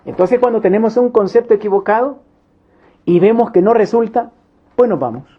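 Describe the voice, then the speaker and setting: A man's voice: high-pitched, fairly quick. A man preaching at a Bible study, emphatic and repeating his key phrases for weight. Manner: emphatic, repeats key phrases, acts out little quoted scenes. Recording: dull lo-fi recording.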